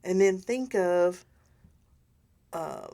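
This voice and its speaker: An older woman co-hosting a casual faith discussion, animated and rambling, often restarting her sentences. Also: lowish voice, very slow. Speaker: podcast co-host.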